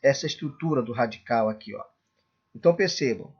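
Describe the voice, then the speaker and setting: A man's voice: medium pitch, fairly quick, husky. Male teacher in a dull lo-fi recording. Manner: checks in constantly with "correto?" and "tudo bem?". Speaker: Portuguese teacher. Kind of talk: classroom lecture.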